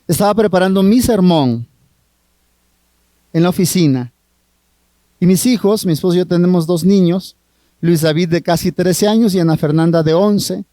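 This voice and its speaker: A middle-aged man with a Mexican accent, a family therapist preaching at a marriage retreat, earnest and drawn-out, often asking the audience questions. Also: high voice, dark tone, no echo. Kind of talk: sermon.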